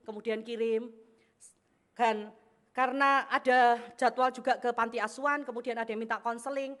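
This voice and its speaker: A middle-aged woman from Indonesia preaching a sermon, telling a lively personal story and calling out often to the congregation. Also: on the high side. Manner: animated storytelling, addresses congregation as Saudara.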